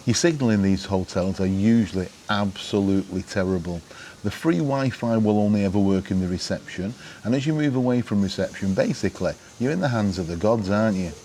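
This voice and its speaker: Talking a little fast in a fairly low, mellow voice, this middle-aged British man presents gadget advice to camera as a vlogger, with slight hiss or hum in the audio. He keeps it informal, wry and chatty, frequently asking the viewer questions.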